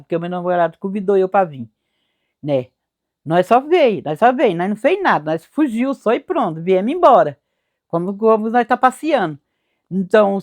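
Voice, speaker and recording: A woman's voice: mid-range voice, darkish tone. An older woman from Brazil, telling memories of her youth in a folksy, repetitive way. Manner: folksy, repetitive, acts out quoted voices. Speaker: storyteller. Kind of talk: spoken life memories.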